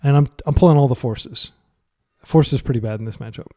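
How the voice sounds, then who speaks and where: A young man offers loose, thinking-aloud commentary while he plays a card game, chatty and full of fillers, as gaming commentators do. His mid-range voice has a warm tone and moves a little fast.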